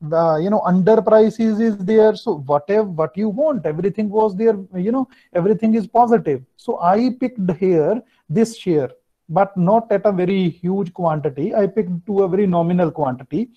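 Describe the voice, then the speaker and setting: A man's voice: high voice, moderate pace, dark tone. A middle-aged man with a North Indian accent and Hindi as his native language, lecturing an online class in two mixed languages, explaining and checking with students, over a computer mic on a video call. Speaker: finance teacher. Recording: dull, lo-fi video-call audio.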